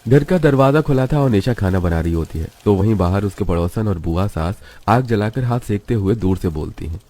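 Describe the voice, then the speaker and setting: A man narrating a children's cartoon story in a measured, scripted way. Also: fairly low pitch, animated, dark tone.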